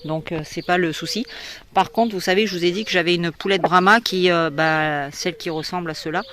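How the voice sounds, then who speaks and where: A woman's voice: lowish voice, fairly even intonation, a little fast, a bit bright. A French woman, a poultry breeder, talking casually into her handheld phone as she walks around outdoors and explains things. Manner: chatty, explanatory, with many fillers. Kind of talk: casual walk-through video. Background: hens clucking.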